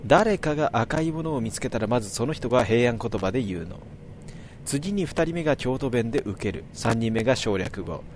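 A man reading aloud, voicing a quick-thinking, decisive young friend, with vehicle noise behind. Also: medium pitch, animated, a little mellow, close to an everyday voice. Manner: brisk, decisive.

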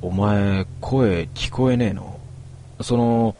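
A man's voice: on the low side, takes it slowly, dark tone, slight background noise. A man playing a nervous young man with a strong sixth sense, hesitant and uneasy.

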